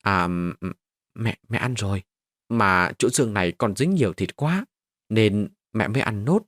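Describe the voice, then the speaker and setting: A male storyteller voicing a poor, loving widowed mother who speaks gently to her children and her dog, in a narrated audio story. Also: on the low side, expressive, a little slow, no echo, clean studio sound. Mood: tender. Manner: gentle, soothing.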